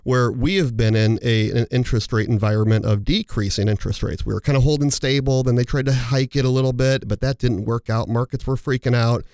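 A man hosts a financial talk show in a loose, conversational way. He rambles and restarts his sentences and leans on everyday comparisons to explain things. His voice sits at an average pitch and sounds dry and close, with no room echo. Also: steady tone, a little fast, few pauses, darkish tone. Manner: rambling, explains with analogies, many fillers and restarts. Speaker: financial advisor and show host. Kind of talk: casual radio talk show chat.

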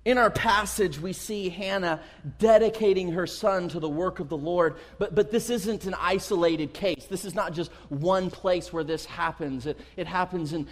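Male preacher, higher register, animated storyteller, long hall reverb. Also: moderate pace. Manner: animated storytelling, acting out his kids' voices. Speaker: pastor. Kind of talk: sermon with a personal story.

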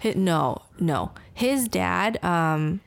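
A woman's voice: fairly low pitch, animated, extremely slow, creaky. A woman from Beijing whose first language is Mandarin, a podcast guest in casual chat who tells stories animatedly and laughs often. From Beijing, China. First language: Mandarin Chinese.

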